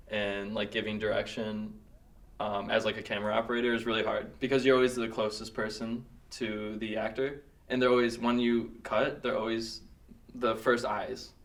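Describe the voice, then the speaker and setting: A man with a low, gravelly voice, chatting as a guest on a studio podcast. He talks in a loose, hesitant way, full of ums and likes. He sits a little back from the mic. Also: distant mic. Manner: relaxed, hesitant with many fillers, laughs often. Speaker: guest, cinematographer and director. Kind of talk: casual podcast chat.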